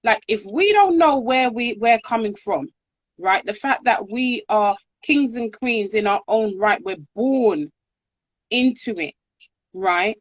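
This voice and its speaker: Chatty, high-voiced woman host. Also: takes it slowly, no room sound. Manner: chatty, animated storyteller. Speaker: podcast host. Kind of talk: casual interview chat.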